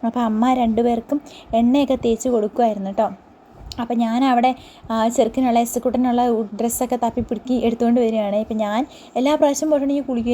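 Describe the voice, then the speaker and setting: A woman's voice: a little high, mellow, slight background noise. A woman vlogger narrating her day in a rambling, chatty voice-over, full of tag words.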